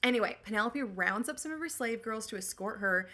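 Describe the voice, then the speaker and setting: A woman's voice: a little high, lively intonation, fairly quick, sharp tone. Sarcastic slangy young woman host. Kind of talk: comedic book recap.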